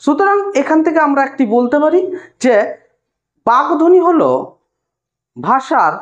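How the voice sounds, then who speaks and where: A woman tutor with a West Bengal Bengali accent explains a lesson step by step to her students and sounds out single sounds slowly. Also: high voice, big pitch swings, dull audio. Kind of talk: recorded lesson lecture.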